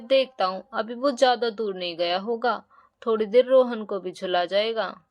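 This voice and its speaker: A woman's voice: mid-range voice, normal speed, lightly acted. A woman voicing a caring father who earnestly pleads for his little son. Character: caring father, grown man. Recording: dull lo-fi recording.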